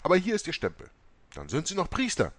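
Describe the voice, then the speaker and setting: A man reading an audiobook, voicing a calm, matter-of-fact male police officer who asks brief, plain questions. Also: fairly high pitch, fast talker, dry recording, pitched above the performer's own voice, exaggerated voice.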